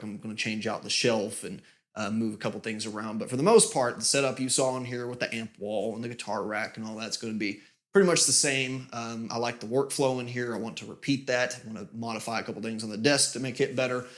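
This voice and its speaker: A man casually giving a channel update with lots of fillers, his voice booming with reverb in a nearly empty studio room. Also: a bit bright. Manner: rambling, many fillers and restarts. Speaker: music channel host.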